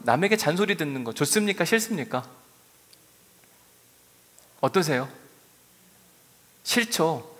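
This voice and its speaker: A middle-aged male pastor preaching a sermon, telling stories with lively swings between soft asides and raised emphasis. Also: mid-range voice. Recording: long hall reverb.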